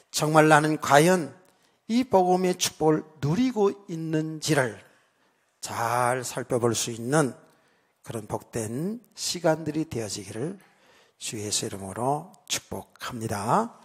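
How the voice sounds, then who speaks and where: A male pastor preaching a sermon, speaking calmly and then suddenly raising his voice to shouting, with a sore throat. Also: on the high side, husky. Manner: calm talk that suddenly rises to shouting.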